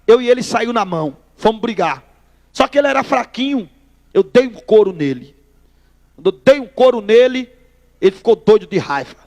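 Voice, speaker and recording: A man's voice: sits high, moderate pace, big-room sound, muffled recording. A man from Northeast Brazil, telling his testimony in a sermon, acting out the dialogue as he goes. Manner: lively storyteller acting out dialogue, addresses listeners as brother. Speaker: preacher giving testimony.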